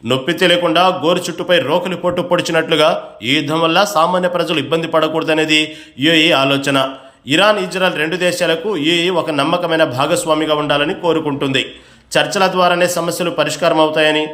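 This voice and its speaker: A man with a somewhat high, fairly bright voice narrates a scripted news report in a formal, emphatic voice-over style suited to a bulletin. His tone is steady and his pace fairly quick, in a clearly roomy, echoing space.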